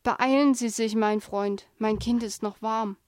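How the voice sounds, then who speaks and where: A woman's voice: fairly high pitch, fairly even intonation, a little slow, darkish tone, dry recording, studio quality, close to an everyday voice. A woman voicing a desperate man who begs a driver to hurry while holding a dying child, in a pleading tone. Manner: pleading, urgent.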